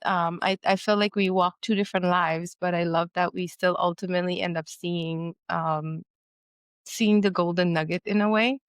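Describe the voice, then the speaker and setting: A podcast host from Guyana, a woman who speaks in a reflective, searching way, full of fillers and restarts. Her voice sits on the low side and sounds smooth and resonant, recorded dry and close. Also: steady tone, moderate pace, no room sound. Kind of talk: conversational interview.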